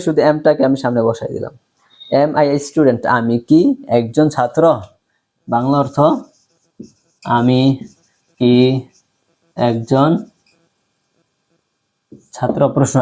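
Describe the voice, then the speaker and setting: A man teaching a spoken English lesson, explaining slowly and repetitively, often checking if his students understand. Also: mid-range voice, darkish tone. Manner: slow, repetitive explaining with frequent check-ins; pronounces English example sentences very slowly.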